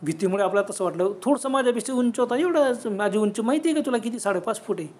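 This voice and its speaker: A sturdy forty-year-old villager, as a male narrator puts him on, hollering loud commands and acting braver than he feels. His bold calls sit a touch high and carry firmly. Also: lively intonation, rapid-fire, slight background noise. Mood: calling out, bluff. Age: 40s.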